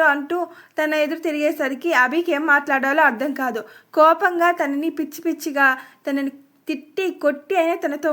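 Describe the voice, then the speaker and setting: A woman with a high voice narrates a family love story. She tells it in a dramatic, emotive way, as a storyteller reading aloud. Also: fairly bright tone.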